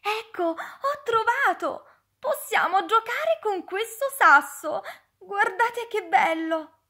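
A woman's voice: extremely high pitch, unhurried, pushed and bright, pitched above the performer's own voice, full character voice. A woman voicing an eager young boy at the beach, speaking in exclamations. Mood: excited.

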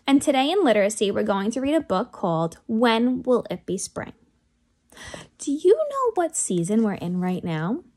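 With a fairly high voice at normal speed, a young adult teacher reads to small children and explains things expressively. She addresses them with questions as she moves through the story and lesson.

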